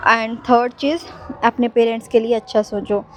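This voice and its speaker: A woman's voice: on the high side, fairly even intonation, moderate pace, slight background noise. A young woman vlogger giving casual, encouraging advice on manifesting exam success, slipping English phrases into her talk.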